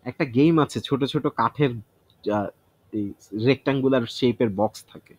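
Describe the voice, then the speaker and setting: A man's voice: mid-range voice, normal speed, slightly rough. Man explaining vocabulary aloud. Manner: thinks aloud, self-testing word by word; mixes English words into Bengali explanations. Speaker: vocabulary teacher. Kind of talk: casual vocabulary study session.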